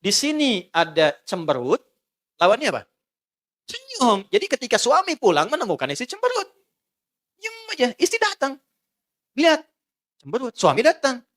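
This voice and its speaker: Lively relaxed male preacher. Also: very high-pitched, normal speed, pauses often. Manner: relaxed, joking lecture with acted dialogue. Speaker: Islamic preacher. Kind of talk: sermon.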